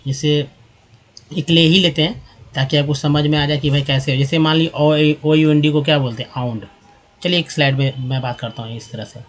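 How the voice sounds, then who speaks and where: A man teaching English reading from slides, patiently repeating and drilling each sound for viewers he calls friends. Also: fairly high pitch. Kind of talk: slide-based lesson.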